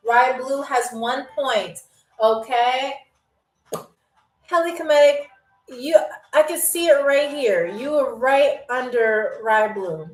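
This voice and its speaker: In an echoey room in Albania, a New Yorker hosts a live-streamed trivia show, reading viewers' comments aloud, chatting, and laughing often. Her voice sits high and slow, picked up by a distant mic that leaves it slightly off-mic.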